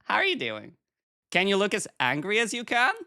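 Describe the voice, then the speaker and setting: A woman's voice: medium pitch, huge pitch swings, brisk, sharp tone, dry recording, clean studio sound. A woman with a cute, cheery anime-streamer delivery, chatting casually with viewers on a livestream as a VTuber.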